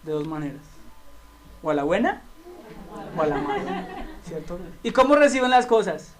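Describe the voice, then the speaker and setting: A man's voice: fairly high pitch, very animated, moderate pace, a crowd in the background. A male pastor with a Colombian accent, preaching a conversational, humorous sermon full of rhetorical questions.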